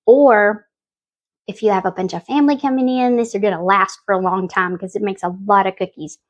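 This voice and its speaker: A woman's voice: medium pitch, steady tone, fairly quick. A woman hosting a casual cooking demonstration, chatty and homey as she talks viewers through each step. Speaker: home cooking channel host.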